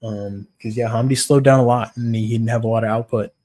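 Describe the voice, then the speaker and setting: A man's voice: medium pitch, fairly even intonation, quick pace, dark tone. A tired young man casually chatting on a livestream, giving fight picks, swearing now and then and greeting viewers by name. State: tired, yawning.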